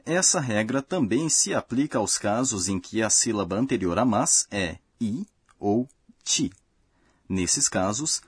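A man narrating a language lesson in a calm, measured, explanatory way, as a dry studio voice-over. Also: lowish voice, breathy edge, no room sound. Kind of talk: scripted educational narration.

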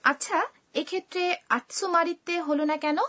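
A woman co-hosts a scripted radio language lesson and asks questions to check her understanding. Her voice sits high. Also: steady tone, moderate pace, bright, forceful tone. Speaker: lesson co-host asking questions.

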